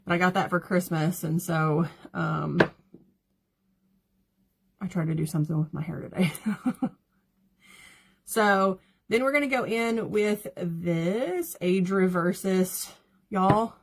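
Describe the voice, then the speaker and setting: A woman's voice: on the low side, takes it slowly, creaky, long pauses. A woman hosts a makeup livestream. She talks in a loose, rambling way, full of "like" and small laughs, and answers viewers between steps. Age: 30s. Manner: chatty, rambling, laughs often, reads out viewer comments. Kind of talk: casual livestream chat while doing makeup.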